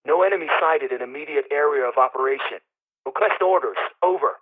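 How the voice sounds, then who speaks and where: A man's voice: a little high, brisk. A man speaking in terse military radio procedure over a crackly two-way radio call, clipped and businesslike. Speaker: soldier on patrol radio. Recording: tinny radio line from far off.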